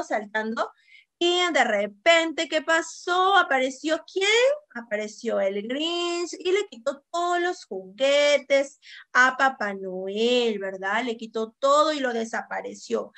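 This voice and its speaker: A woman teacher giving a casual software tutorial, lively and often asking rhetorical questions to check in with her viewers. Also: high voice. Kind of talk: screen-recorded software tutorial.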